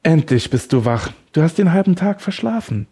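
A man's voice: on the low side, moderate pace, dark tone, slightly rough. A man voicing a deranged male woodcutter who holds someone captive, taunting and smug, then creepily tender. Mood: mocking. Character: deranged male woodcutter kidnapper, mocking and obsessive.

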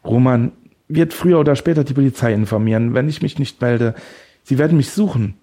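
A man's voice: mid-range voice, moderate pace, dark tone, slightly rough. A man voicing a frightened young male captive who gasps and pleads. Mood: pleading, scared. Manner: gasping, pleading.

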